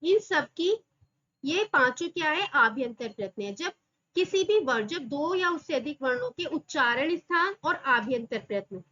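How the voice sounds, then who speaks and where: A woman's voice: high voice, lively intonation, pushed and bright, highs cut off. A woman teaching an exam-prep grammar lesson, repeating each term and answering her own questions. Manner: slow, repeats terms and asks rhetorical questions.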